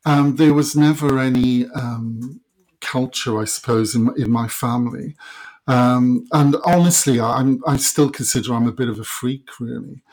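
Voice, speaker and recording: A middle-aged man with a Welsh Valleys accent, talking reflectively and a little haltingly as an interview guest. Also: mid-range voice, fairly even intonation, a little mellow. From South Wales Valleys.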